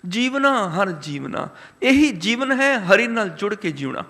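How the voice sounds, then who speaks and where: Brief: male preacher, bright and forceful tone, intoning scripture and driving home each point with repetition. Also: sits high, very animated, vocal fry, big-room sound. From Punjab, India. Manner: chants scripture lines slowly, emphatic repetition. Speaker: Sikh preacher. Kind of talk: religious discourse.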